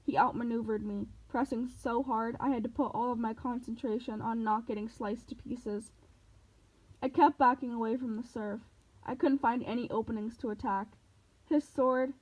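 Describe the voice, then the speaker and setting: A woman's voice: on the high side, fairly even intonation, normal speed, darkish tone. A woman reading a novel aloud, telling the story steadily in the first person. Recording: dull lo-fi recording.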